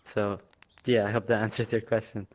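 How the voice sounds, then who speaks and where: A man talks casually as an interview guest, boasting and often laughing. His voice sits fairly low. It stays quite flat in tone. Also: moderate pace. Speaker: interviewee, clan leader.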